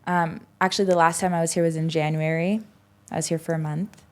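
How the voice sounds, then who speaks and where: Soft-voiced young woman chatting reflectively. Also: low-pitched, level tone, fast. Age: 20s. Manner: reflective, rambling with many fillers and restarts. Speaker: podcast guest. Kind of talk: casual conversational interview.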